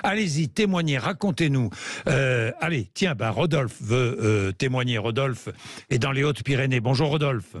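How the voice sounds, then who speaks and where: A male talk-radio host speaks into a close studio microphone with a dry, dead sound. He is brisk, cuts in often and challenges his guests and callers. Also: mid-range voice, no echo. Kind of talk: radio talk show hosting.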